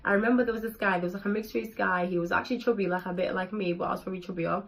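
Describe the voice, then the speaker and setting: A woman's voice: medium pitch, steady tone, racing, vocal fry, poor audio. A young woman, a vlogger candidly telling her story to camera in casual, slangy speech with frequent swearing. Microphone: built-in camera mic.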